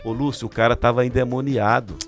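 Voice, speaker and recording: A man's voice: medium pitch, steady tone, quick pace, faint music behind. A man with a Brazilian Portuguese accent, a pastor who is a podcast guest, telling a story vividly and acting out the people he quotes.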